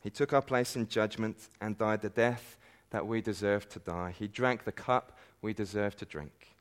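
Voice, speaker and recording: A man's voice: lowish voice, moderate pace. A man preaching a sermon at a conference, earnest and emphatic, with light self-deprecating asides. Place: conference meeting hall.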